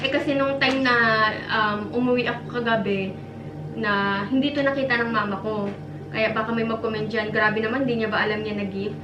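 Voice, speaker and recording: A woman's voice: fairly high pitch, fairly even intonation, moderate pace, dull audio, background noise. A woman from the Philippines telling a story in a casual vlog, chatty and talking straight to her viewers. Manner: chatty, addresses viewers as guys, mixes in English. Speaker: vlogger. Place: home. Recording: roomy echo, distant mic, faint ambience.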